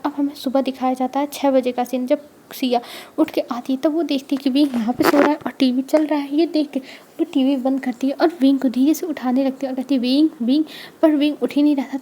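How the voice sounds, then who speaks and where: A woman's voice: high-pitched, steady tone, brisk, dark tone, a little hiss or hum. A woman retelling a story aloud in an informal way, explaining as she goes. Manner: informal retelling, filler phrases like "matlab". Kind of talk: storybook narration read aloud.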